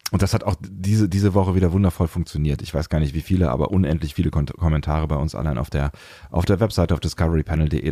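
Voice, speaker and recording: A man's voice: sits low, mellow, dry recording, studio quality. A man hosting a podcast in casual, rambling chat with a wry manner. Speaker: podcast host.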